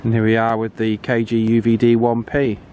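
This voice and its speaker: A British man hosts a casual, hands-on radio gear review video, speaking informally and conversationally. His medium-pitched voice is monotone and fairly quick. The recording is very noisy, full of vehicle and radio noise.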